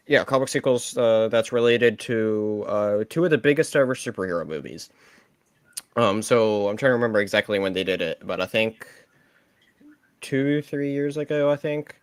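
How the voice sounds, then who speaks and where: A man's voice: fairly low pitch, no echo. Guy rambling on a podcast w lots of ums, dry close sound. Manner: rambling, many fillers. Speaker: podcast co-host. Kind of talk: casual chat.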